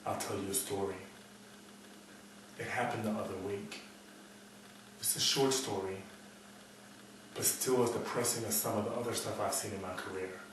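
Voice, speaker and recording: A hard-boiled, world-weary detective, acted by a man mutters his bleak noir monologue in a lowish voice. He broods like a cynic telling an old story. The recording is very echoey and set back from the mic, with a little noise. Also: steady tone, normal speed, pauses often, close to an everyday voice. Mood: weary, brooding. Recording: echoey room, distant mic, faint noise.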